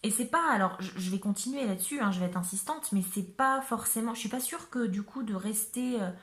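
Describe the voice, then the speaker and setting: Speaking to camera in a mid-range voice at a brisk pace, a woman gives a casual tarot card reading in a reverberant space. She's chatty and hesitant, using lots of fillers and checking in with her viewers often.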